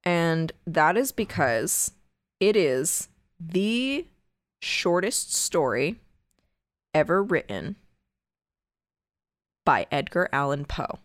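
Low-voiced woman chatting casually, sweary. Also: very animated, extremely slow, long pauses, dry recording. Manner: sweary, joking. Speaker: podcast host. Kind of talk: casual chat.

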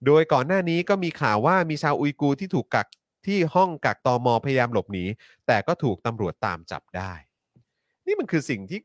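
Lively male talk show host. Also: mid-range voice, fairly quick, no echo, clean studio sound. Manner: animated, addresses viewers often.

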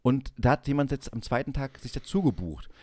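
Animated German man telling a story. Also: medium pitch, fairly quick. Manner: animated storyteller acting out quoted dialogue. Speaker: podcast co-host. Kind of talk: casual chat.

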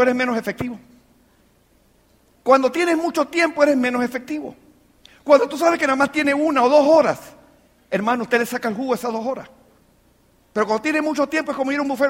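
A mentor talks to his business team with emphatic motivation, firing off rhetorical questions in an extremely high, a bit bright voice. The recording captures the long reverb of a live hall.

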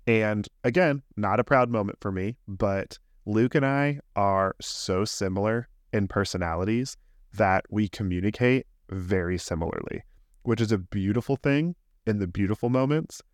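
A man's voice: lowish voice, moderate pace, no room sound, clean studio sound. A man in his thirties, a podcast co-host, telling a candid, rambling story in casual chat.

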